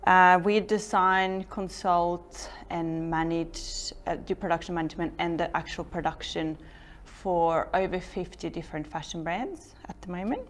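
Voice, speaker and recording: A woman's voice: lowish voice, fairly even intonation, measured pace. A middle-aged woman from Norway, speaking English, giving an informal startup talk full of ums and restarts. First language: Norwegian. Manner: hesitant, many ums and restarts. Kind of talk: informal presentation.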